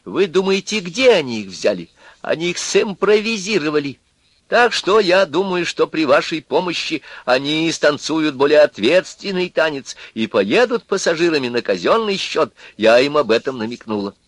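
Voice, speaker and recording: A man voicing a sharp-tongued, scornful middle-aged wife in an audiobook reading. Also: a little high, big pitch swings, normal speed, no room sound, voice pushed up. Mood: complaining. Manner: scornful, mocking.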